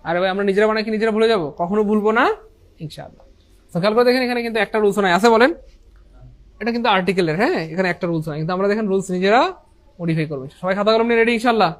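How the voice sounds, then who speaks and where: This is a man with a notably high voice giving an online English grammar lesson. He keeps his students involved with repeated questions that he answers himself in a call-and-response pattern, and he drops English grammar terms into his talk. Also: racing. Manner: often says "inshallah" and "dear brothers and sisters". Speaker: English teacher.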